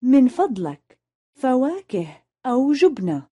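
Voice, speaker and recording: A woman, carefully repeating lesson phrases one by one in a clear, scripted way. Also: high-pitched, sing-song, slow, dark tone. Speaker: language lesson speaker.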